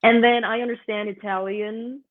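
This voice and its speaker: A young Swiss woman with a Swiss German accent chats casually as a guest musician in an interview, laughing often. Her voice is a little high with little pitch movement, at normal speed, over a tinny phone-like line.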